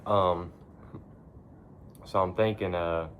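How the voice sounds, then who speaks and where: A man's voice: deep voice, fairly even intonation, slow pace, narrow, tinny audio, a little hiss or hum. A man chatting casually to his phone in a barn, rambling in a laid-back, folksy way with casual cursing. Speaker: vlogger. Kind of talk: casual rambling chat to camera.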